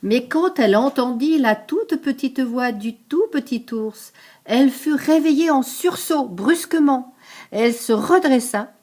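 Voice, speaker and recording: An older woman reading a picture book aloud to a grandchild, lively, stopping to explain hard words. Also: sits high, measured pace.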